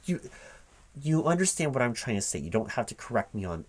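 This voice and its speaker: A mid-range, very animated male voice takes the role of a recruiting manager in a solo interview roleplay. He hesitates, seems confused, and echoes statements back as questions.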